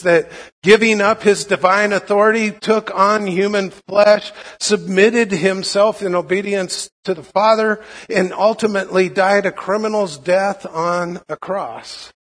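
A man with a fairly high, gravelly voice, hoarse as if under the weather, preaches a sermon. He speaks informally and haltingly, doubling back on his words. The sound carries a long hall reverb. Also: steady tone, fairly bright tone. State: hoarse from being unwell. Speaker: pastor preaching to a congregation.

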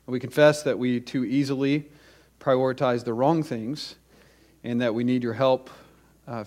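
A man's voice: mid-range voice, darkish tone. Male pastor preaching at a pulpit microphone. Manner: preaching with slow, stressed lists of words. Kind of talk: sermon.

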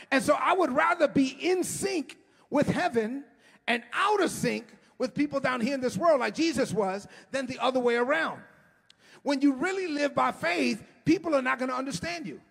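A middle-aged man preaching an impassioned sermon as a pastor, often shouting and stretching his words, recorded in a church sanctuary. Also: very high-pitched, gravelly. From United States. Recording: long hall reverb.

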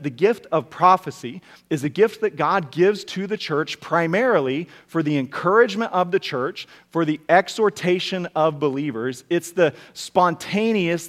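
A man preaching a sermon as pastor, talking conversationally with bits of humor and frequent restarts. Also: a little high.

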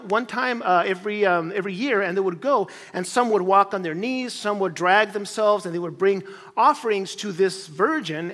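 A man's voice: high voice, a bit bright. A man preaching a sermon as pastor, talking to his congregation in a conversational way with frequent restarts and asides. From grew up in Chile as a missionary kid. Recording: church hall reverb.

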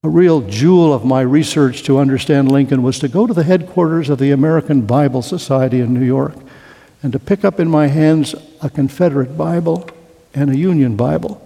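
A man giving a storytelling history lecture, deliberate and slowing to a hush on key lines. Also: fairly high pitch, creaky. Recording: long hall reverb.

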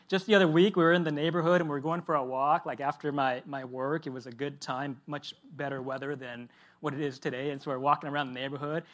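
A male pastor in his thirties preaches a sermon like a friendly chat, telling stories with lively energy. His voice sits high for a man. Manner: lively, chatty storytelling.

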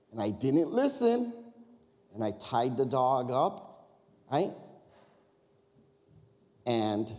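Storytelling pastor in a reverberant church. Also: male voice, mid-range voice, warm tone. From Chicago area. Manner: conversational storytelling with confessions and crowd asides. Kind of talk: sermon. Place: church sanctuary. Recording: long reverb of a church hall.

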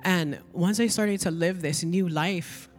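Middle-aged woman, lowish voice, tearful and rambling church testimony over soft music. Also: takes it slowly, in a large hall. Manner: emotional, chatty, lots of "like". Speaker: church member giving a testimony.

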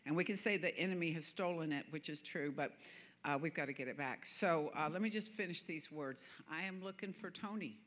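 A Southern woman with a Southern accent, from the American South, gives a sermon as a guest minister in a church sanctuary. Her voice sits low, with a fairly bright tone, and she speaks a little fast. She keeps things chatty, makes fun of herself, and laughs a lot.

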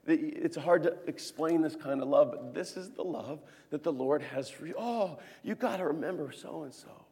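A man in his thirties preaching a sermon as pastor, earnest, moving between hushed tones and emphatic peaks. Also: on the high side, normal speed, few pauses, husky. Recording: long reverb of a church hall.

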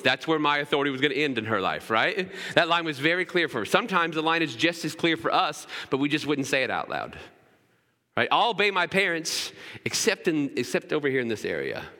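Bright-voiced pastor in a reverberant hall. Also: male voice, on the high side. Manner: conversational, often adds "right?". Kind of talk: sermon. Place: church sanctuary.

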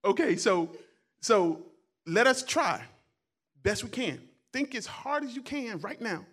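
A man preaching a sermon as a guest pastor, loud and emphatic in places and quiet in others, often repeating his words and phrases. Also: high voice, expressive, takes it slowly, husky. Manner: preaching, swings between quiet asides and loud emphatic calls.

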